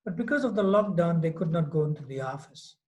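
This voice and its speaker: A swami close to sixty lectures on devotional topics in Mauritius, casual in tone and fond of "you know." His fairly high, darkish voice is expressive and quick, captured on a rough recording.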